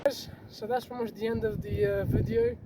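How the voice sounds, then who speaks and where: A man's voice: high voice, fairly even intonation, a little fast. A man chatting casually outdoors as a running companion in a vlog. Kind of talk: casual chat. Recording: distant, noisy outdoor recording.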